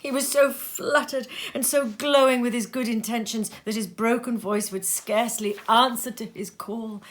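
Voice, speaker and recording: A woman reading a classic story aloud at home in her sitting room, with unhurried, expressive storytelling. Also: on the high side. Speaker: reader. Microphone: home recording.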